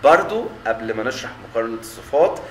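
A man's voice: medium pitch, very animated, fast talker, fairly bright tone. Egyptian man teaching in an echoey room. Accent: Egyptian Arabic. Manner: repeats example words and checks in with "okay?". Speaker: English teacher. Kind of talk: explanatory lesson. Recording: echoey room, faint background noise.

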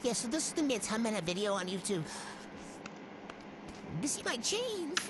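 A young gamer talking through a voice changer, rambling excitably and swearing while playing, with a cold and hiccups. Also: medium pitch, moderate pace. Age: student. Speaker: gamer vlogger. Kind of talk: casual gameplay commentary. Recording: loud background noise.

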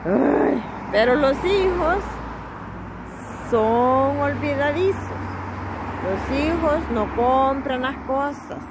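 A woman's voice: high voice, expressive, drawn-out words, noisy background. A middle-aged woman, chatting casually to her followers while waiting outdoors. She holds her phone in her hand to record, rambles, and often laughs. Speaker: vlogger. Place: outdoors at a bus stop. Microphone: phone held in hand.

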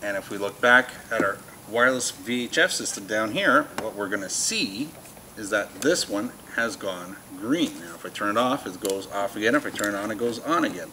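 Inside a shelved store showroom full of humming background noise, a fifties-aged demonstrator walks through a product in a relaxed, homespun, straightforward way. His voice sits on the low side, animated but at a normal speed.

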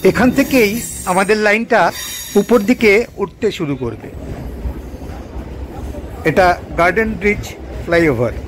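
A man's voice: high-pitched, sing-song, a little slow, long pauses, faint music behind. A man narrating a local train journey as a travel vlogger, pointing out sights along the route. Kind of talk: calm guided narration over train footage.

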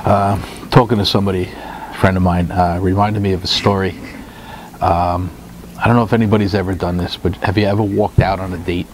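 A middle-aged man with a low voice and a slightly fast pace co-hosts a casual chat, telling a rambling, animated dating story full of fillers and restarts. He speaks into a lapel mic and wears headphones in an indoor studio room with guitars on the wall. The recording is rough, with a little hiss or hum.

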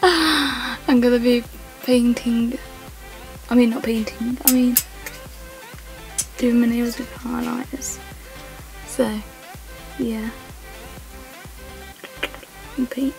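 A woman's voice: on the high side, vocal fry, darkish tone, rough recording. A young woman chatting to camera at home, rambling and giggly, correcting herself often and filling with "yeah" and "like". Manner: rambling, giggly, self-correcting with many fillers. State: voice sounds odd, she says. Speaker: vlogger. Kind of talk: casual chat to camera. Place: home, indoors.

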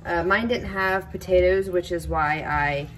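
A young woman, chatting casually as she cooks in her home kitchen, with plenty of ums and a relaxed, unhurried way of talking. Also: fairly low pitch, faint music behind. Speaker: home cook vlogger. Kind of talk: casual cook-along narration.

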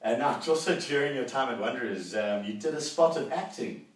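A man's voice: mid-range voice, animated, fairly quick. A young man with a South African accent, hosting a casual, jokey interview. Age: young adult. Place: living room, indoors. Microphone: far camera. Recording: very echoey room, distant microphone.

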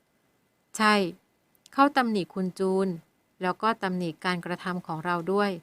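Woman doing a calm older male patron. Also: fairly low pitch, no echo. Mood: earnest. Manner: measured, gentle, even-tempered. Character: calm composed middle-aged male patron.

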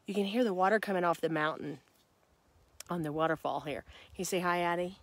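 A middle-aged woman streaming live from a mountain hike on her phone, tired from the climb, greeting viewers by name with excited chatter and frequent laughter. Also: on the low side, fairly quick, dry recording. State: tired from hiking. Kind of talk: casual live-stream chat. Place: outdoors on a mountainside. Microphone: phone held at arm's length.

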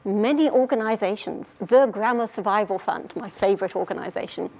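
A woman playing an earnest lady grammar detective who explains rules clearly and patiently. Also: mid-range voice, brisk, darkish tone. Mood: explaining. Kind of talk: scripted grammar lesson skit.

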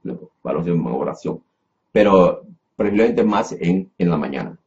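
A man's voice: low-pitched, animated, moderate pace, darkish tone. A man preaching a Bible lesson in a sermon style, repeating phrases and restarting often, calling listeners brother. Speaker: preacher teaching a class. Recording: dull lo-fi recording.

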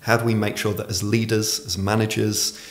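Low, creaky man with soft w-like r's. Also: level tone, a little fast. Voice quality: pronounces r as w. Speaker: podcast guest. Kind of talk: reflective conversational explanation. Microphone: podcast microphone on desk stand.

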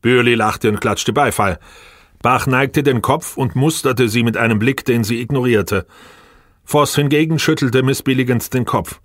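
A man's voice: medium pitch, fairly bright tone, no room sound, clean studio sound. A man narrating a science fiction audiobook, raising his voice a little for the characters' dialogue. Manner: reads dialogue with a raised, livelier voice for characters. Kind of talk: scripted narration of a sci-fi audiobook.

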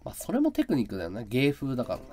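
A male live streamer in casual chat, with a high, carrying voice, explaining his audio setup. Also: huge pitch swings, rapid-fire, mellow, soft background music. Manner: chatty, explains his audio gear and voice tricks. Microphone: desk mic through an audio interface and mixer.

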